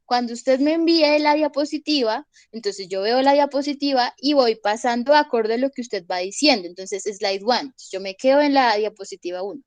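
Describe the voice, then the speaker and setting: A young woman teaches a class from home, speaking close into her phone mic. Her voice sits a little high and sounds dry, with no room around it. She walks through each step and keeps asking whether everyone is following. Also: normal speed, hardly any pauses, no room sound, low-quality recording. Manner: explains step by step, checks in with "¿listo?" often. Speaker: English teacher. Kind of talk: online class explanation. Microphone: phone microphone.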